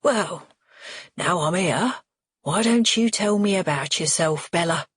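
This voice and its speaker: A woman's voice: lowish voice, lively intonation, takes it slowly, husky, no room sound, studio quality, heavily acted. A woman voicing a crude, menacing middle-aged father who sneers and needles everyone at the table. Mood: taunting.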